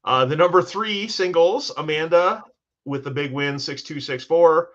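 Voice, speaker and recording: Upbeat podcast host, slightly dull sound. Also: male voice, on the high side, unhurried, fairly bright tone. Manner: enthusiastic, rambling, with restarts. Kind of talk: casual sports podcast recap.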